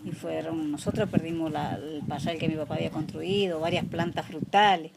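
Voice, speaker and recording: A woman in her forties from rural Mendoza province, Argentina, speaks with that region's rural Argentine Spanish accent in an informal oral history interview about her work as an artisan weaver. Her low, steady voice is fairly quick, and she answers plainly, somewhat hesitantly, over a clearly noisy background with clicks.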